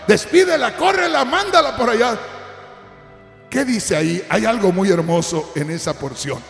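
A man pastor preaching a sermon in an animated way, shouting at peaks and speaking straight to the congregation. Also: sits high, gravelly, echoey room, in a large hall.

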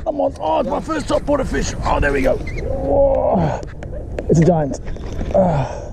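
Filming himself with a head-mounted action camera, a late-teen fishing vlogger with a South African English accent speaks in a very high-pitched, gravelly, unhurried voice. Out on a small boat on a weedy lake, he excitedly whoops and repeats himself whenever fish bite. Wind and water noise can be heard outdoors.

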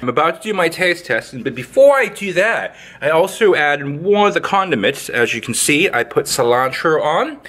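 A man's voice: on the high side, very animated, moderate pace, hardly any pauses, a bit bright. A man hosting a casual cooking video, talking playfully as he works in his kitchen with sing-song sound effects. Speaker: home cook, channel host. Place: indoor kitchen, overhead camera on hands.

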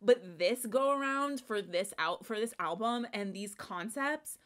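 A young woman giving casual reaction commentary on a music video, excitable and gushing, swearing casually and trailing off into restarts. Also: mid-range voice, unhurried. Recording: faint music playing behind. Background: faint music.

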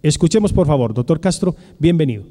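A man's voice: fairly high pitch, expressive, dark tone. A man formally introducing the next speaker at an academic event. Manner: formal, measured. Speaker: event announcer. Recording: long hall reverb.

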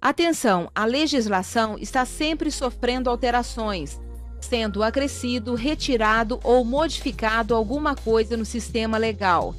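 A woman reading a scripted lesson for pharmacy assistants in a steady, even way. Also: a little high, normal speed, soft background music. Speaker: course narrator. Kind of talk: scripted instructional narration.

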